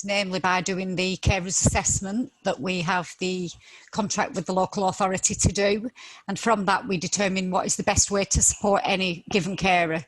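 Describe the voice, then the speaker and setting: A woman's voice: lowish voice, no room sound, low-quality recording. A woman giving a plain, matter-of-fact introduction of her charity role, heard over a video call in an online meeting. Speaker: charity engagement officer.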